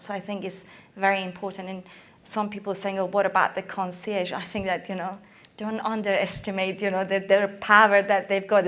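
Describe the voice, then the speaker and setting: Woman panelist, emphatic, many fillers, voice going hoarse, mid pitch. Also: a bit bright. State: losing her voice. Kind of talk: conference panel discussion.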